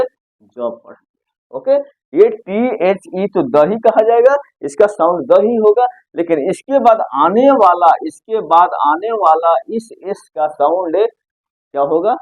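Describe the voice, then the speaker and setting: A man's voice: fairly high pitch, no room sound, narrow, tinny audio. Man teaching, asking and answering himself. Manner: asks questions and answers them himself; spells words out letter by letter. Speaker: English grammar teacher. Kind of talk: Hindi-language pronunciation lesson.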